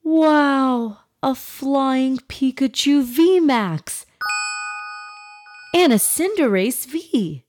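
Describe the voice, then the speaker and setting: Eager young boy for children's storybook audio, played by a woman. High, lively, exclamatory, hopeful. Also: a little slow. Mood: thrilled. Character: excitable, hopeful little first-grade boy.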